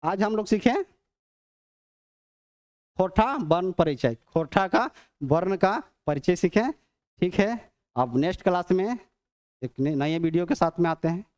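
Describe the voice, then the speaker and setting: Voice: mid-range voice, expressive, darkish tone. Teacher sounding out letters. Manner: repeats, asks and answers own questions; sounds out letters slowly and drawn out. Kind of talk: demo class on phonetics.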